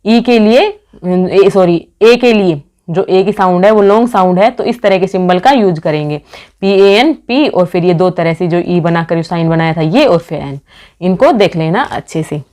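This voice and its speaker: A woman's voice: fairly low pitch, normal speed, darkish tone. Woman teaching a class, asks and answers herself. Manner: calls the class "friends", asks questions and answers them herself. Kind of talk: exam-prep phonetics lesson.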